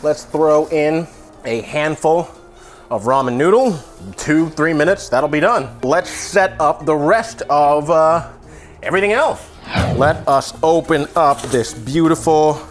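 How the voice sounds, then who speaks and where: A man with a fairly high voice hosts a casual cooking demonstration over faint music. He rambles as he goes, dropping offhand, self-deprecating asides. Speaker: host of a comedy cooking video.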